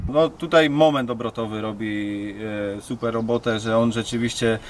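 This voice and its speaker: A man's voice: medium pitch, steady tone, moderate pace, faint music behind. A man casually explains a modified off-road vehicle, hands-on and colloquial, as the car builder showing people around it. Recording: clear vehicle and ambient noise.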